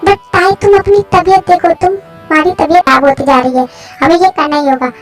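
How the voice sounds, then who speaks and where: Woman doing a worried young man, fan story voice, pleading, fretful, high-pitched. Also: steady tone, normal speed, soft background music. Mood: insistent. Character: anxious protective young man.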